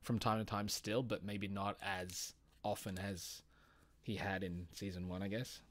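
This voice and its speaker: A man's voice: fairly low pitch, little pitch movement, unhurried. A man in casual stream chat who acts out imagined reactions. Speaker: stream co-host.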